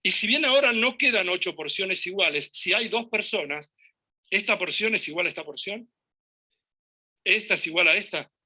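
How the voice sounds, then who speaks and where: A man with a Rioplatense accent tells a story to an audience in an animated, lively way. His voice is rather high and very bright. He keeps acting out conversations and gestures as he talks. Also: moderate pace. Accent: Rioplatense Spanish. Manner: animated, acts out dialogue and gestures while telling anecdotes. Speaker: speaker giving a talk.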